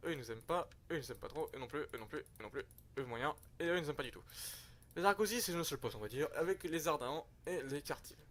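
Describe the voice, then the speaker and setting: A man's voice: fairly high pitch, expressive, fast talker, a bit bright. A young man giving rambling, slangy, self-mocking commentary over a strategy game he is playing. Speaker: gaming youtuber. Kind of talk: casual gameplay commentary.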